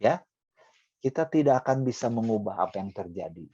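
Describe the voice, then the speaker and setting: A middle-aged man preaching a conversational sermon with animated pitch jumps for emphasis, often dropping in English phrases. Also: a little fast, slightly rough, no room sound, dull audio.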